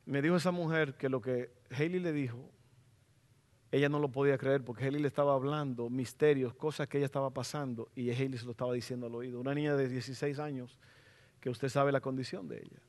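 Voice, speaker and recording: A middle-aged man preaching a sermon as pastor in a church, fervent and rising to loud exclamations. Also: mid-range voice, fairly even intonation, fast. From Latin America.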